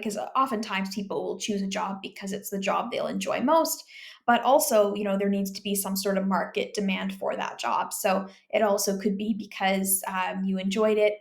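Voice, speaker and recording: Chatty woman tutor with gravelly edge. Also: medium pitch. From Ontario, Canada. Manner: relaxed, chatty, many fillers and tag questions. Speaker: IELTS tutor. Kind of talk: explaining exam questions.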